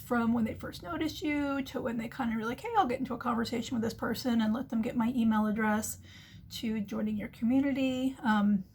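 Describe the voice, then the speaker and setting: Hosting a marketing commentary show, a woman explains business topics in a casual, chatty way, acting out small imagined remarks along the way. Her voice sits on the high side, a little mellow with a breathy edge.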